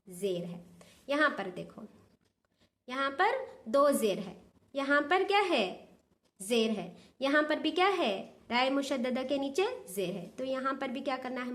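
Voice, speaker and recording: High-pitched woman, Dakhni Urdu accent, patient tajweed teacher who quizzes and answers herself. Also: fairly bright tone. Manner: explains patiently, asking and answering her own questions. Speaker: Quran recitation teacher. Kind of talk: tajweed lesson.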